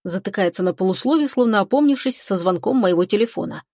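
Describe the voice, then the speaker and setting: A woman reads a first-person story at a middle pitch, with a wry, mocking edge to her telling. Her voice is dry and close, with no room sound around it. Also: lively intonation, quick pace, a little mellow, no echo. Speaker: audiobook reader. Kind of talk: first-person novel narration.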